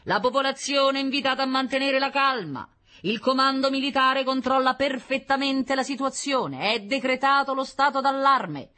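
A woman reading a storybook aloud and voicing a booming police loudspeaker announcement in a stern, drawn-out, official way. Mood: commanding.

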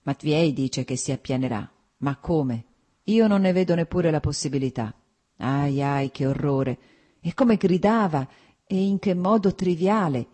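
A woman reading aloud and voicing a guilt-ridden, self-pitying husband, plaintive and fretful, in a husky, dark voice. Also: low voice, unhurried.

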